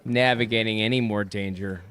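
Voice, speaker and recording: A man's voice: fairly low pitch, steady tone, normal speed, a bit bright, clear, resonant tone, no room sound. A man working as a golf commentator, calling a match live in short descriptive phrases full of golf jargon.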